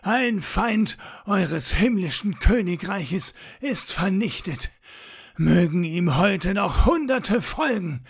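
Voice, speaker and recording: A man's voice: on the high side, animated, a little slow, gravelly, few pauses, slightly rough, heavily acted. A man voicing a battle-hardened male warrior leader in a storybook, speaking in a fervent, declaiming way.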